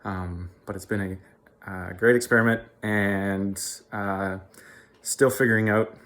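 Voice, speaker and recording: Low-voiced man, chilled from ice cold water. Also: fairly even intonation, a bit bright. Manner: hesitant, halting explanations. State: shivering and chilled after an ice cold bath. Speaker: vlogger. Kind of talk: casual vlog talk.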